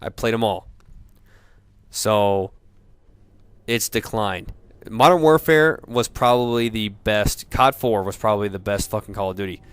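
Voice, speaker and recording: A man in a profane off-the-cuff gamer rant, sounding drunk, rambling haltingly and repeating himself. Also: lowish voice, clear, resonant tone, dry recording. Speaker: gamer ranting about video games.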